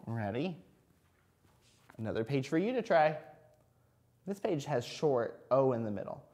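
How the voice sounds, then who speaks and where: A man's voice: medium pitch, very animated, a little slow, darkish tone. A man in his thirties giving a phonics lesson, speaking simply and encouragingly as if to a small child. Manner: sounds out and spells words letter by letter. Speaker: kindergarten reading teacher. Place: indoors at an interactive whiteboard.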